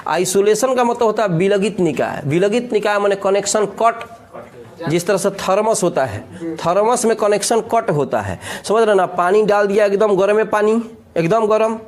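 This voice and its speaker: A man's voice: sits high, normal speed. A man with a Bihari accent teaching physics in a classroom lecture, joking and often repeating questions to the class.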